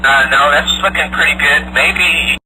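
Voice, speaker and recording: A man's voice: a little high, a little slow, background noise. A man heard through a phone speaker, giving short, hesitant camera directions in casual chat. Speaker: remote helper adjusting a camera. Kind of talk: casual instructions over the phone.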